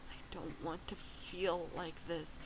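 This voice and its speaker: Woman doing tortured angry story guy, pleading n halting, whispers then bursts out, creaky, noisy bg. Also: lowish voice, level tone. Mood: desperate pleading. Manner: anguished, pleading, halting delivery swinging from whisper to outburst. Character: Adam, tormented violent man torn by unwanted attraction.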